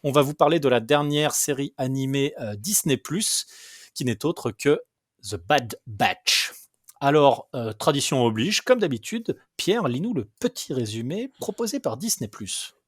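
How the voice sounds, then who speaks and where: A man's voice: mid-range voice, expressive, moderate pace, dry recording, studio quality. A man hosting a casual podcast, talking with many hesitant fillers as he eagerly explains. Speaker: podcast host.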